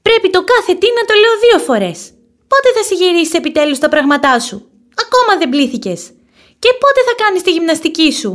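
A woman voicing a fed-up mother rabbit in a storybook reading, scolding but calm at heart. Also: fairly high pitch. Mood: exasperated. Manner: scolding, then calm and steady.

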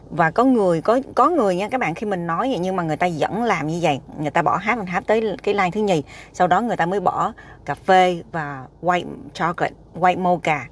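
Sitting in a parked car, a woman food vlogger chats emphatically to her dashboard camera, repeatedly saying "các bạn". Her voice is fairly low and husky, and the talk is casual and chatty.

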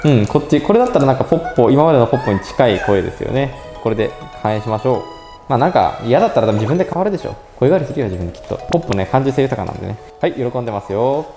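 A young man who presents a robot pet channel chats casually while walking through a phone app, politely narrating each step and thinking out loud. His medium-pitched, dark-toned voice races along with lively intonation. The room is echoey and indoors, with faint music in the background.

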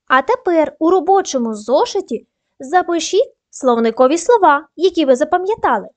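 A woman teaching a primary school video lesson, giving patient, clear instructions and spelling out sounds and syllables one by one. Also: sits high, lively intonation, moderate pace, darkish tone, no echo.

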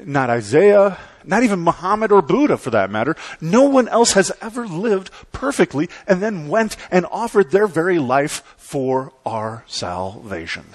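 Middle-aged male pastor, animated pulpit preaching with dramatic pauses, church sanctuary. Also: on the high side, breathy edge, no echo. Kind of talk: sermon.

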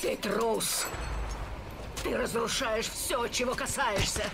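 Slow, scornful goddess. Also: female voice, fairly high pitch, fairly even intonation, gravelly, over music. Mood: bitter, accusing. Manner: slow, contemptuous, dramatic. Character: haughty, bitter goddess, weakened and scornful. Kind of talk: video game voice acting, Russian dub. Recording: game audio under loud rain noise.

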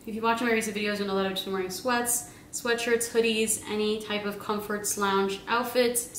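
A young vlogger in her twenties, bubbly and prone to giggling, rambles casually through a grocery haul at home with lots of fillers, her voice a little high. The camera sits a few meters away in the kitchen, giving roomy sound with slight background noise.

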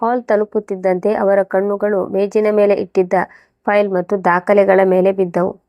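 A woman narrating a scripted first-person story in a calm, steady way. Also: mid-range voice.

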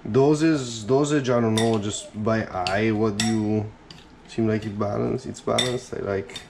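Filmed from a head-mounted camera, a relaxed man cooks in a small indoor kitchen, offering unhurried casual commentary as he chops and mixes. His voice is on the low side with vocal fry, and there's noise in the background.

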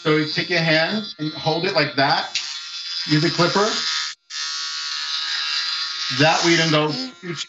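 A man in his forties, a barber, giving a relaxed haircut lesson from home over a video call, laughing often. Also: fairly high pitch, moderate pace, loud music behind the voice. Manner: laughs often, easygoing instructions. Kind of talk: casual how-to demonstration over video call. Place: home room with sloped ceiling. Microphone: video call from far camera. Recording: echoey room, dull lo-fi call audio.

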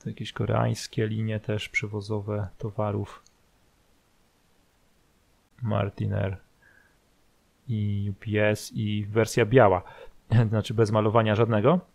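A man with a lowish, gravelly voice hosts a casual simulator tutorial. He explains things step by step in a halting, thinking-aloud way. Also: flat delivery, a little mellow. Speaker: flight simulator video host. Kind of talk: casual screen-tutorial commentary. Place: voice-over recorded over screen capture.

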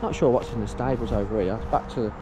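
This vlogger's voice is on the low side and quick as he walks through an abandoned site outdoors, chatting and thinking aloud. He often calls his viewers "guys", with music and noise in the background.

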